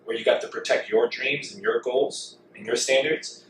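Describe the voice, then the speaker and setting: A man co-hosting a podcast, speaking in a measured, reflective way and often clearing his throat. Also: medium pitch, far from the mic, a little hiss or hum. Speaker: podcast co-host. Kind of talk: casual chat. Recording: echoey room, off-mic with faint ambience.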